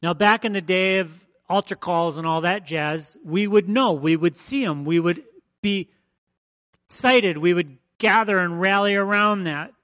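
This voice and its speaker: Pastor guy preaching, kinda high voice, dry close sound, repeats himself for emphasis. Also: a little slow, fairly bright tone, dry recording. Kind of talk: sermon.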